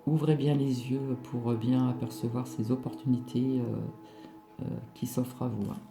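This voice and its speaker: A man with a fairly ordinary pitch gives an informal oracle card reading, talking directly to his viewers. He hesitates and circles back over his phrases. The room adds clear echo, and music plays behind him. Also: level tone. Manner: hesitant, repeating himself, halting. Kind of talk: casual spiritual card reading, addressing viewers.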